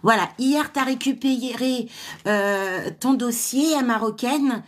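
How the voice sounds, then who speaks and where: A woman trainer, speaking live to viewers in an encouraging pep-talk, with frequent fillers and restarts. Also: slow pace. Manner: laughs often, loud high laughs.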